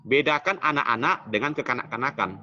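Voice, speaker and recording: Animated male preacher, lo-fi recording. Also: a little fast. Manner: animated preaching, often drops low on "Saudara". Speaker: pastor. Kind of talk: sermon. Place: church.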